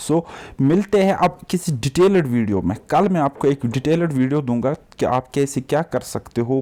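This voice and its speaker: A man's voice: mid-range voice, mellow. A man teaching exam preparation, talking straight to his students in a casual, encouraging way, mixing English words into Hindi and checking in often with "okay". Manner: straightforward, repeats "ठीक है" and "okay" as check-ins. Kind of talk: casual direct-to-camera exam update.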